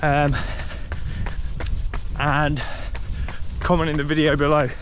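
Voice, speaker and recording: A man's voice: on the high side, little pitch movement, slow pace, noisy background. Chatty man hosting a running show. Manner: chatty, loose, many fillers. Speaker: running podcast host. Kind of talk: casual interview. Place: outdoors on a wet street, then a home room on a video call.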